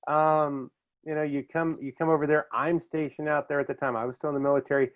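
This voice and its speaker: A middle-aged man hosting a podcast, swapping stories in a casual, animated way and laughing easily. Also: on the high side, fast talker. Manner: animated storyteller who drops into voices and laughs easily. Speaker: podcast host. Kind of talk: casual reminiscing chat. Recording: dull lo-fi audio.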